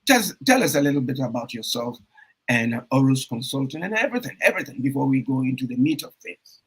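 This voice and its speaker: A man hosting an online radio talk show, speaking emphatically with repeated phrases and bursts of loud enthusiasm. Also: mid-range voice, very animated, quick pace, breathy edge. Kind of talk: energetic radio show intro and interview. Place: Toronto.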